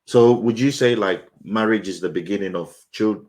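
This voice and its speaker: This middle-aged man has a lowish, somewhat dark voice and talks at a normal speed. He co-hosts a relaxed conversation about marriage, frequently repeating words while he hunts for the right ones.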